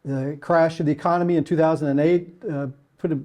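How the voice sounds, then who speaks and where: A middle-aged man from Kentucky answers interview questions with plenty of pauses and restarts. His voice is mellow and warm, sitting a touch higher than most men's. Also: steady tone. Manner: hesitant, many fillers and restarts. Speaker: landscape architect guest. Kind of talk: casual interview chat.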